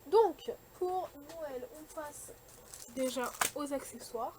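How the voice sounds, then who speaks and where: A young woman talks through a shopping haul in a loose, chatty way, stopping and restarting often and judging each item on the spot. Her voice sits a little high. A faint hiss of noise runs under the recording. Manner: chatty, many fillers and restarts, quick likes and dislikes. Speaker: vlogger showing a shopping haul. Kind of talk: casual chat.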